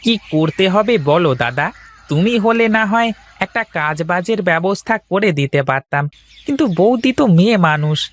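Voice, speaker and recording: A man's voice: high voice, lively intonation, moderate pace. A man playing a helpful, take-charge neighbor. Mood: reassuring. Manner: urgent, reassuring. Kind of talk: animated cartoon voice acting.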